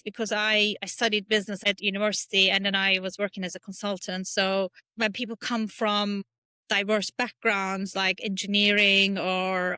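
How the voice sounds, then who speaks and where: A woman's voice: mid-range voice, sharp tone, clean tone, no room sound. A middle-aged woman from Turkey, a podcast guest talking casually and thoughtfully, with frequent fillers and restarts. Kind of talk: casual interview talk.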